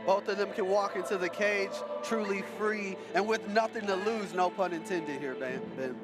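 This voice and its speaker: A man's voice: sits high, normal speed, loud music behind the voice. A man giving casual, explanatory color commentary on a fight broadcast. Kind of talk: conversational fight analysis.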